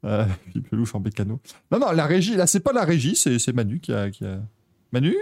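A man's voice: mid-range voice, very animated, a little fast, creaky, a little mellow. A young man hosting a motorsport podcast, chatting casually with jokes, laughter and rambling asides. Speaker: podcast host. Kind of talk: casual chat.

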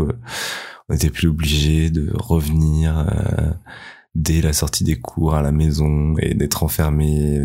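Very deep-voiced man, hesitant chat. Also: a little mellow. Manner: hesitant, many fillers, laughs often. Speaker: guest, heritage guide. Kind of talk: casual interview chat.

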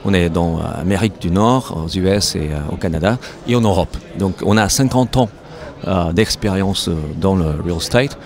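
A non-native French-speaking man with a foreign accent answers interview questions as a company representative, haltingly, repeating words as he searches for phrasing. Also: low-pitched, a little mellow. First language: not French. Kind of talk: interview answers at a trade show. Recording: busy trade-show crowd behind. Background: crowd chatter of a trade fair.

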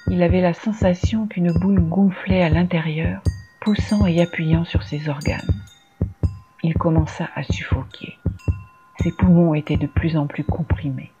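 Mellow storyteller reading dark fantasy slow and dramatic, kinda dull lo-fi sound. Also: mid-range voice. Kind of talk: scripted fantasy narration.

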